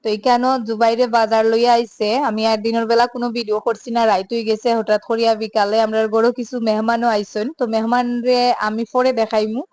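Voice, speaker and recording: A woman's voice: on the high side, little pitch movement, fast talker, few pauses, a little mellow, no room sound. Chatty Sylheti-accented woman vlogger. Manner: chatty, mixes Sylheti and standard Bengali, many filler sounds. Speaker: home vlogger. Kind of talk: casual vlog narration.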